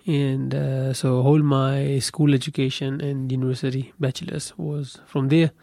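A man's voice: medium pitch, little pitch movement, a little slow, gravelly, warm tone, no room sound. A young man from Pakistan, a guest on a radio studio interview, speaking hesitantly with many fillers.

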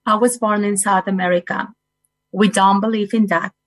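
A woman's voice: medium pitch, fairly even intonation, moderate pace, dry recording, rough recording. A woman in her forties from Colombia, speaking English with a Colombian Spanish accent, giving an earnest personal talk straight to listeners. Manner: earnest, direct address to listeners, non-native phrasing. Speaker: guest speaker. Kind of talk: personal talk on well-being.

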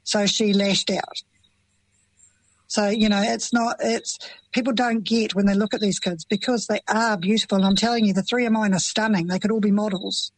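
A woman's voice: mid-range voice, steady tone, moderate pace, dry recording, poor audio. Middle-aged NZ woman, earnest and plain-spoken, dry close recording. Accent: New Zealand. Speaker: parent of children with FASD. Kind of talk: emotional interview answers.

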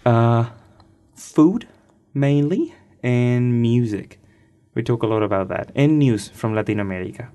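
A nineteen-year-old from Chile, a man, responds to a radio interviewer in a casual, considered way, with hesitant pauses throughout. His mid-range voice is animated and dark in tone.

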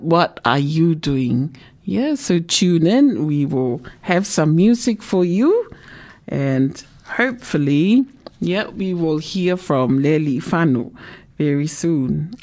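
Female community radio host, Samoan accent, slightly low pitch, chatty and unscripted with searching pauses. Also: lively intonation, a little mellow. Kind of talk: casual bilingual radio chat.

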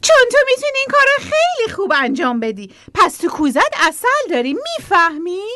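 A woman plays a friendly little bee who comforts its friend in a storybook tale. The voice sits very high and sparkles with brightness and lively swings of pitch. The delivery is quick and chirpy. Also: dry recording, clean studio sound, full character voice. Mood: encouraging. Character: cheerful, encouraging little bee, a kind friend. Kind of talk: storybook voice acting.

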